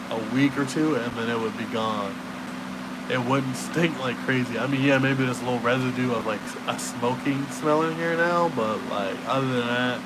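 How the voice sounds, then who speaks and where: A young man rambling in a casual, laid-back stoner way, with slangy, profane talk that trails off and circles back. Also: medium pitch. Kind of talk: casual late-night chat, rambling. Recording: clearly noisy room hum.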